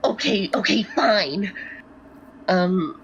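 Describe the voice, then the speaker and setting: A woman voicing an embarrassed, evasive young woman character in a tabletop game, hesitant and slow. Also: mid-range voice, expressive, dull audio, slight background noise, voice pushed up.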